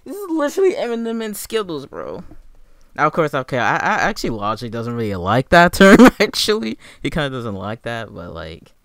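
A young man talking like a frat bro, slangy and hyped, giving excited casual reaction commentary. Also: mid-range voice, fairly quick, gravelly, no room sound, studio quality. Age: young adult. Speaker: music reaction video maker.

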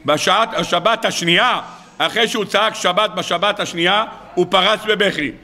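A man, a rabbi, giving a sermon full of stories and acting out the dialogue with lively voices. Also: high voice, gravelly. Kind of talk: sermon with storytelling.

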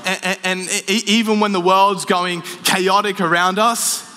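Young man, pastor, bright and forceful sermon delivery, casual storytelling, live church hall reverb. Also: high voice, little pitch movement, unhurried. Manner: casual storytelling, laughs at his own stories. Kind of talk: sermon with personal anecdotes. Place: large church auditorium.

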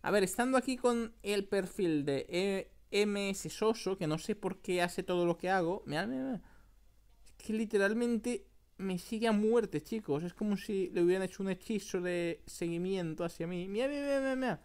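A woman with an accent from Spain giving excitable, dramatic gameplay commentary and keeps calling out to her viewers. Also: medium pitch, moderate pace. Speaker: gaming YouTuber.

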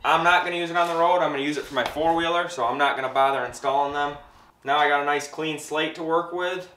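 A man in his thirties, a vlogger, casually talks through assembling a trailer step by step in his home garage workshop. His voice sits a little high with a steady tone, and he speaks quickly in a pushed, bright way. The garage recording is noisy.

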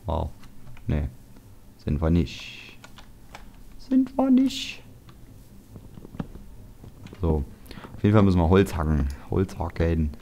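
A man's voice: sits low, big pitch swings, slow pace, creaky, long pauses, dark tone, a little hiss or hum. A young German man giving casual, chatty let's-play commentary, grumbling and joking at himself as he sorts items and chops wood. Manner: chatty, self-mocking, grumbling asides. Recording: background music under voice.

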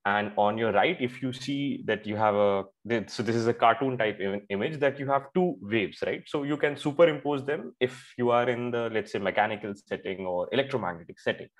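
A man's voice: lowish voice, poor audio. A young man from India, giving a conference talk over a video call, explaining step by step with many fillers. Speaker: PhD student presenting a paper. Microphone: headphones on a video call.

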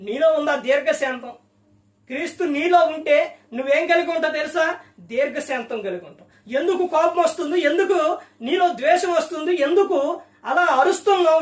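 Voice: high voice, moderate pace, roomy sound, far from the mic. A preacher giving a sermon, firing rhetorical questions at the listener.

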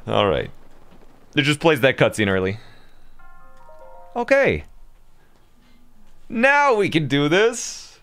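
A man's voice: on the high side, wildly swooping pitch, takes it slowly, long pauses, fairly bright tone, clean tone, soft background music. A young man streaming a game in casual chat, joking and rambling, sounding tired and groggy. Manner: chatty, joking, trails off and restarts. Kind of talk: casual livestream chat over gameplay.

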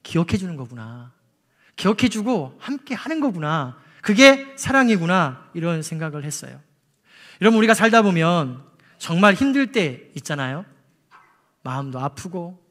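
A man's voice: high-pitched, normal speed, big-room sound. A male pastor preaching a sermon in church, telling a story and acting out the people in it with feeling. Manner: storytelling, acts out quoted voices, lively and emotional. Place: church sanctuary.

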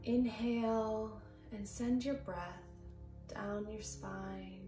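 Calm lady doing a grounding meditation, gentle, bit far from the mic w music behind. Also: mid-range voice. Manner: calm, gentle, unhurried delivery with long pauses. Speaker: meditation guide. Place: small plain room indoors. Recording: roomy echo, distant mic, music behind. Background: clear background music.

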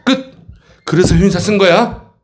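A man whose voice sits high teaches middle school students a passage from their English textbook, repeatedly checking in with quick questions.

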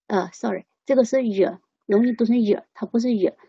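A woman teaching English pronunciation in a slow, patient way, repeating examples. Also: fairly high pitch, gravelly, warm tone, breathy edge, dry recording, muffled recording. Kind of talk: online pronunciation lesson.

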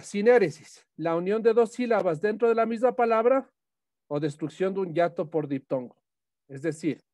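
A man's voice: high voice, a little mellow, no echo. A male teacher explaining poetic meter to students, checking in often with short questions as he goes. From Ecuador. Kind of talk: classroom lesson on poetic meter.

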